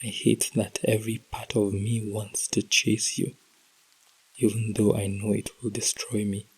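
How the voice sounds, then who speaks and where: A man hosting a podcast, reading a heartbroken letter aloud in a slow, emotional, intimate delivery that drops to whispers at times. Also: fairly low pitch, level tone, breathy edge, low-quality recording. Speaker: podcast host.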